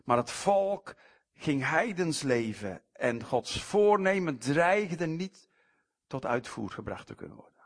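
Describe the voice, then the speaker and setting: A man delivers a sermon in an unhurried, deliberate way. His voice is slightly husky and sits a little high for a man. He swings widely in pitch and loudness, drawing out key words for emphasis. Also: very animated. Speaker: preacher.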